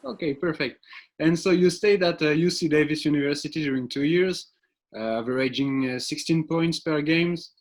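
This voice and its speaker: A male interviewer asking questions in a halting way, with frequent hesitations. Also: a little high. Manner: halting, with many "uh" fillers.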